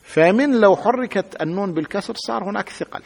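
Man, sheikh, grammar lesson, patient, repeats examples, quizzes students, husky, long hall reverb. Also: high voice, lively intonation, fairly quick, darkish tone.

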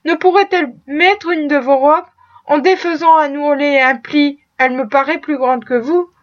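Brief: woman reading as a quick, hesitant middle-aged husband, storybook, lo-fi sound. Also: high-pitched, steady tone, lightly acted. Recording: muffled lo-fi recording.

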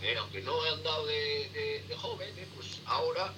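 A middle-aged man, a sailing instructor, answering interview questions in a halting way, full of fillers and tag questions. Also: on the high side, wildly swooping pitch. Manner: halting, many fillers and repeated "¿eh?". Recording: distant noisy remote line.

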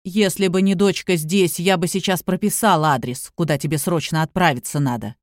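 A woman reading the lines of a hot-tempered middle-aged father in a low, threatening growl. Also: moderate pace, no room sound, studio quality, natural voice.

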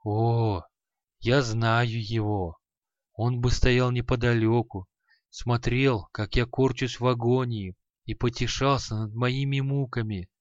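A man's voice: mid-range voice, steady tone, slow pace, no echo, lightly acted. A man voicing a grumpy, spiteful dead old sorcerer who mutters and scoffs at his pupil, on a dull, dry audiobook recording. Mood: scornful. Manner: grumbling, scornful, muttering.

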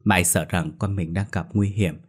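Guy reading a scary story, lowish voice, steady. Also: moderate pace. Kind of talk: scripted horror story narration.

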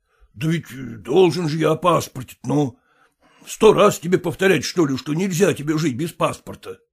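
A man voicing a stern elderly father who coaxes his daughter in a gruff, insistent way. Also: on the high side, lively intonation, moderate pace, heavily acted.

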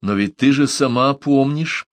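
A man's voice: mid-range voice, measured pace, no room sound, pitched above the performer's own voice, close to an everyday voice. A man voicing a flustered young English sailor who answers in startled, indignant exclamations.

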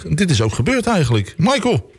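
Lively-voiced man hosting local radio. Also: a little high, a little fast, husky. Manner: hesitant, many fillers, lively intonation. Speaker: radio host. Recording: radio studio with music underneath.

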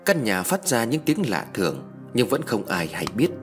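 A man narrating a ghost story in a suspenseful, measured reading. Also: medium pitch, big pitch swings, over music.

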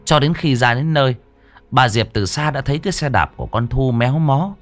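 A man's voice: medium pitch, brisk. A man narrating a ghost story dramatically. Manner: dramatic, expressive. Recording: dry studio voice with faint music.

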